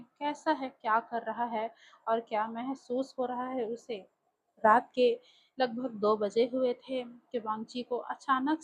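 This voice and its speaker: Woman narrator for a dark horror tale, high husky voice, deliberate pace. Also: poor audio. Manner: slow, deliberate telling. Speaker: storyteller. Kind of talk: scripted horror story narration.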